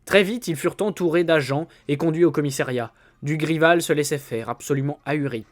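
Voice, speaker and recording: Guy reading a novel out loud, kinda higher voice, steady pace, little slips. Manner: measured, with small slips and restarts. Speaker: storyteller.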